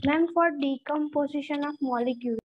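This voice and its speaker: Young woman, student, high voice, short classroom answers, muffled call audio. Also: fairly quick. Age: teenager to young adult. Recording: dull online-call audio.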